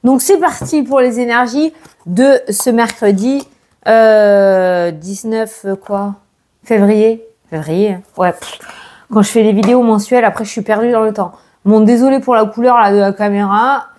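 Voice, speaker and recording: Chatty woman with a high voice. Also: a little slow, darkish tone, a little hiss or hum. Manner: chatty, teasing, laughs often, many fillers. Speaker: tarot reader vlogger. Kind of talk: casual chat to camera. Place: indoors at home, grey daylight.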